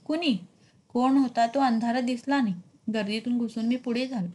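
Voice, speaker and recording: A woman teacher reading a novel aloud with expressive emphasis for her students. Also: on the high side, fairly quick. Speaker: literature teacher.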